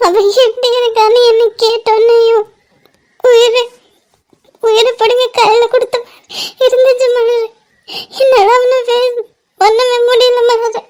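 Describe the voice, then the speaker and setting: A woman voicing a tearful young woman in a cartoon, who speaks haltingly and keeps repeating her friend's name. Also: very high-pitched, level tone, dark tone. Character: tearful young woman confessing long-held love.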